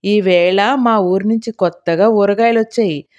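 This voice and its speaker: Woman doing a polite earnest young man, soothing, mellow tone. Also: mid-range voice, measured pace, highs cut off, lightly acted.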